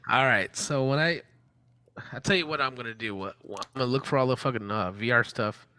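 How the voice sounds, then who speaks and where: Man, 30s, excitable podcast co-host; bright forward tone, dead-dry close mic. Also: medium pitch, a little fast, clean tone, no echo. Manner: excitable, swears often, bursts into loud laughter. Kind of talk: casual chat.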